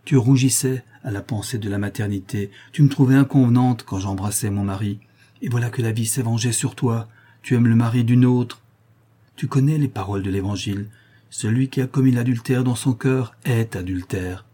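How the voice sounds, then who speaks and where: A calm, indignant wife who lectures with firm reproach, as a man reading a novel puts her on. His dark, husky voice lifts a little for her lines. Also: mid-range voice, moderate pace, lightly acted. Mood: reproachful. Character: composed indignant married woman.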